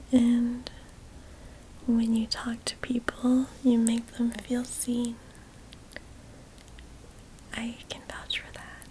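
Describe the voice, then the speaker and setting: A woman doing an ASMR whispered role-play as an affectionate, teasing childhood best friend, in a soft, soothing spa-like whisper meant to relax. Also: on the high side, slight background noise, poor audio.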